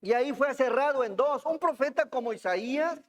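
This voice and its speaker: Pastor, high voice, preaching slow, lots of church reverb. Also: male voice, lively intonation, a bit bright. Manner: asks the congregation questions, reads scripture aloud. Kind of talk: sermon. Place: church hall. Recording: long hall reverb in church.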